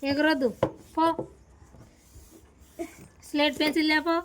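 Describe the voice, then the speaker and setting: High-voiced mother coaxing her child. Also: little pitch movement, unhurried, fairly bright tone, a little hiss or hum. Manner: coaxing and scolding, questioning her daughter. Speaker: mother and vlogger. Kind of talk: casual home talk with her child.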